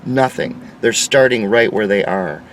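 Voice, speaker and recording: A man's voice: lowish voice, lively intonation, measured pace, far from the mic, a little hiss or hum, rough recording. A man delivering an insistent, lecturing opinion monologue. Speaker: commentator.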